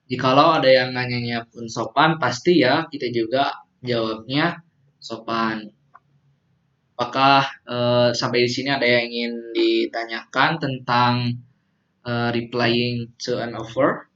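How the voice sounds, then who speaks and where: Man, English teacher, slow patient delivery, muffled lo-fi sound. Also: mid-range voice, fairly even intonation, a bit bright. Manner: patient, repeats phrases for drilling. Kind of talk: classroom teaching simulation. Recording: muffled lo-fi recording.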